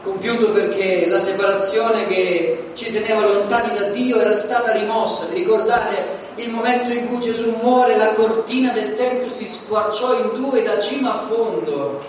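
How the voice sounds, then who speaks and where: A man preaching a sermon, emphatic, swinging between loud declarations and hushed asides, in a church hall. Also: high-pitched, fairly even intonation, normal speed, hardly any pauses, slight background noise. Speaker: pastor. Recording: echoey hall, distant mic, dull sound.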